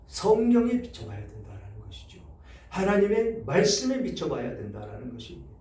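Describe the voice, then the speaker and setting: High-voiced preacher in an echoey church. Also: male voice. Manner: emphatic preaching with sharp swings in loudness. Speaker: pastor. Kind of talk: sermon. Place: church sanctuary. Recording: echoey church hall, mic set far off.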